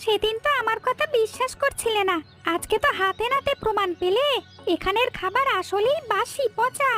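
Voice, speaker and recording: A woman's voice: extremely high pitch, a bit bright, full character voice. A woman voicing an indignant, gossiping village woman in a cartoon dub. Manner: indignant, reproachful. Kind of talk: cartoon dubbing. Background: faint music.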